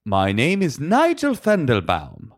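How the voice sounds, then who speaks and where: A man's voice: medium pitch, huge pitch swings, measured pace, no room sound, studio quality, full character voice. A man voicing a pompous BBC-style radio announcer in an attempted British Received Pronunciation accent, with an amateurish, mannered delivery. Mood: mock formal.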